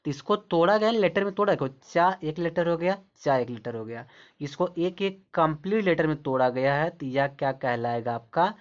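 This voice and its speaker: A teacher walks through a basic lesson and keeps repeating key points. The teacher asks rhetorical questions and answers them right away. The pitch sits mid-range, and the recording is a little dull and lo-fi. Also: lively intonation, normal speed. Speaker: English teacher. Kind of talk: classroom-style explanation to camera.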